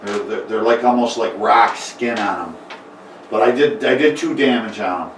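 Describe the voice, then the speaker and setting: A man narrating as game master in a casual tabletop game, talking haltingly with many fillers and restarts. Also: on the low side. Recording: echoey room, mic far off, faint noise.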